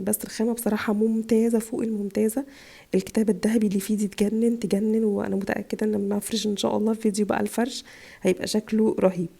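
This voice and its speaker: An Egyptian woman rattles through her haul at a breakneck pace, gushing over each item. Her voice is dark and gravelly, worn down by a chest cold she has had for weeks. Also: medium pitch. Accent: Egyptian Arabic. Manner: chatty, gushing over items. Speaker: vlogger, mother. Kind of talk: casual haul video. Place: home in Italy.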